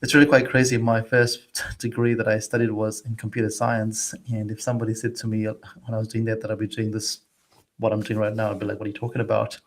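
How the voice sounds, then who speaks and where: A man in his forties from Zimbabwe, a guest advisor on student transitions, talking casually in an interview over a video call, chatty and restarting his words with quick little laughs. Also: on the low side, monotone.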